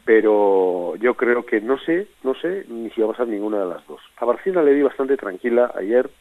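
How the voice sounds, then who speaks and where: A man giving political commentary on a radio panel, speaking in a measured, hesitant way with many fillers. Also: mid-range voice, lively intonation, no room sound, narrow, tinny audio.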